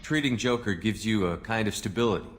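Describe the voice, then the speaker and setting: An actor playing a steady, curious male starship commander in a video game, asking questions in a level, quick way. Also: lowish voice, a little hiss or hum, natural voice. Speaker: game character.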